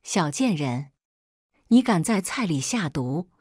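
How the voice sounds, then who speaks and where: An abusive older mother-in-law hurls insults in a shrill, ranting voice, as a woman narrator puts her on. Her pitch leaps and dips as she scolds. The sound is close and dry, with no room around it. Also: very animated, slow pace, darkish tone, slightly rough, dry recording, heavily acted.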